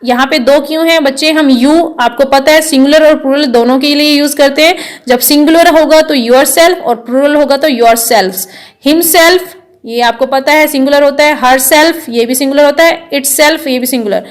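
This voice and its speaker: A woman teaching English grammar to children, explaining in Hindi and reading English examples slowly, often asking if it is clear. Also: sits high. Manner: checks understanding with quick questions.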